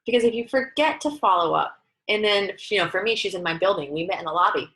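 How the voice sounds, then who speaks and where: A woman giving a casual, upbeat training talk, chatty and lively, often breaking into quoted dialogue. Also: fast talker, rough recording. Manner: lively, upbeat, acts out quoted dialogue with sudden high pitch jumps. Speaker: network marketing trainer.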